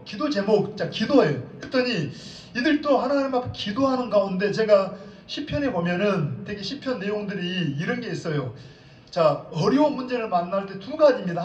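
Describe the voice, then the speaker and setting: A male senior pastor preaching a sermon and putting questions to the congregation, who answers him. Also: high-pitched. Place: church sanctuary. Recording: distant echoey church sound, slightly dull.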